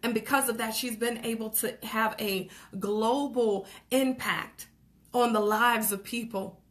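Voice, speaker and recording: A young woman giving an urgent motivational talk about a book, pressing listeners to act, with quick laughs and frequent "okay?" and "like". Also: fairly high pitch, fairly even intonation, a bit bright. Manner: urgent, preachy, exhorting with repeated calls to action; laughs between phrases, says "okay?" and "like" often. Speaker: motivational vlogger.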